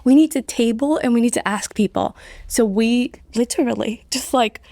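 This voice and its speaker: A woman's voice: on the high side, normal speed, mellow, no echo. A woman in her thirties, raised in Colombia, chatting as an interview guest, full of "like" fillers. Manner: chatty, many "like" fillers, laughs often. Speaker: nonprofit CEO, guest. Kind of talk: casual interview conversation.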